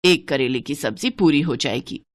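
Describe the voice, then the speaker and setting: A woman voicing a miserly, scheming older mother-in-law in a cartoon, with a stingy, scolding manner and a lowered voice. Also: lively intonation, normal speed, no room sound. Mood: bossy. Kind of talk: cartoon voice acting.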